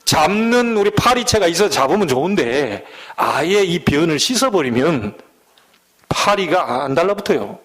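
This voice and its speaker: Animated high-voiced preaching man. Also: moderate pace. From Jeolla, Korea. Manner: animated, folksy, swings between loud emphasis and low asides. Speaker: pastor. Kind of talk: sermon.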